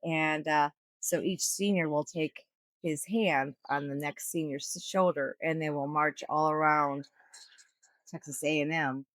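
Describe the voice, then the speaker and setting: A woman's voice: low-pitched, steady tone, measured pace, fairly bright tone, dry recording, poor audio. A middle-aged woman hosting a sports picks show, chatty and joking. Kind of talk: casual chat.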